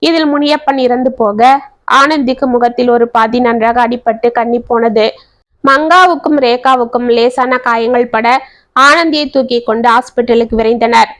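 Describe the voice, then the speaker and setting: A woman storyteller narrating a family drama in a steady, dramatic reading. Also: a little high, moderate pace.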